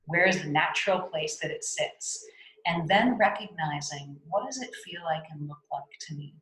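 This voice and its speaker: A woman leading a spiritual workshop over a video call, speaking gently with frequent "um" and "right?", at times voicing raw anger as an example. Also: low voice, lively intonation, normal speed, echoey room, poor audio. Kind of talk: guided teaching on a video call.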